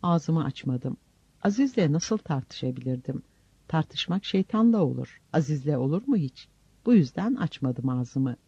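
A man's voice: fairly high pitch, lively intonation, a little slow, creaky, warm tone, husky, no room sound. A man narrating a story in the first person, reading it expressively. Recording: dull lo-fi recording, dry.

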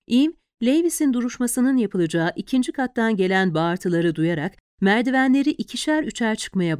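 A woman narrating an audiobook in a steady, even storytelling manner. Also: mid-range voice, clean tone, dry recording, clean studio sound.

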